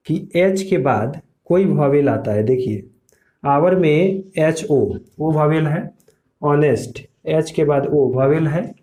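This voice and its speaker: A male teacher explains slowly and patiently, going over each point again and again. He keeps asking his students questions, and his voice sits a little high for a man. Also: a little mellow. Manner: slow, repetitive explaining with quiz questions to students. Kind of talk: classroom lesson.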